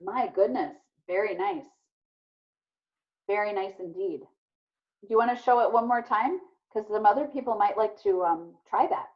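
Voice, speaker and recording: An elementary teacher hosts an online read-aloud, speaking casually and encouragingly to children over a video call. Her mid-range voice comes at a moderate pace but sounds muffled through the band-limited call audio.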